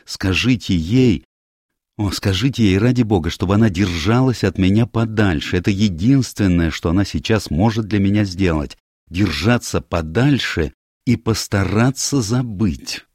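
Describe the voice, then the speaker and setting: A man's voice: lowish voice, moderate pace, darkish tone, husky, no echo, clean studio sound, pitched above the performer's own voice. A man voicing a desperate young man in an audiobook, pleading in an anguished way. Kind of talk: audiobook character voice.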